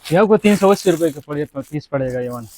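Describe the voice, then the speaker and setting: A man's voice: on the high side, lively intonation, fast, a crowd in the background. A Pakistani man working as a shopkeeper, who plainly quotes prices and answers with short agreeing replies. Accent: Pakistani Urdu. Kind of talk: casual sales talk.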